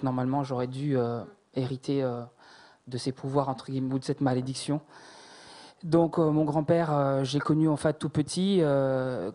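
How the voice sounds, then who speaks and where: A man in his forties from France, giving a halting personal testimony with many pauses and fillers. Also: medium pitch, warm tone. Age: 40s. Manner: measured, hesitant, many fillers.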